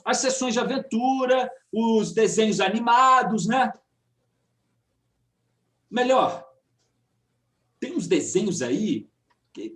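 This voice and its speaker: Slow, swooping, hammy smug mayor played by a woman. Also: mid-range voice, roomy sound. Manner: hammy, drawling, pompous. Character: smug, censorious authoritarian mayor, capricious and pleased with himself. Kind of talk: satirical dramatic reading.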